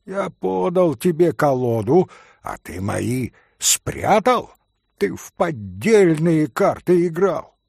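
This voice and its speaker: A man voicing a shrewd, blunt middle-aged innkeeper who scolds loudly in folksy speech in a storybook reading. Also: high-pitched, creaky, slightly rough, no room sound, clean studio sound, voice pushed up, exaggerated voice.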